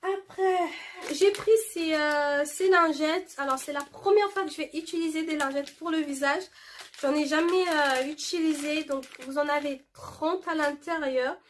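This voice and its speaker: Chatty high-voiced woman vlogger. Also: steady tone, a little slow, a little hiss or hum. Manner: chatty, reads product labels aloud with many fillers. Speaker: beauty vlogger showing a shopping haul. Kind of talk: casual haul video talk to camera.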